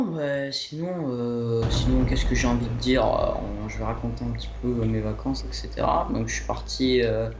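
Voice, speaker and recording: A young man chatting casually about his holiday, hesitant, with many fillers and restarts. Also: mid-range voice. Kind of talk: rambling casual chat. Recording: echoey room, faint noise.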